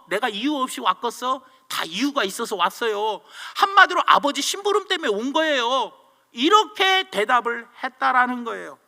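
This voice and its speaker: A male pastor preaching a sermon, telling the story in an animated way and acting out the voices. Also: very high-pitched, big-room sound.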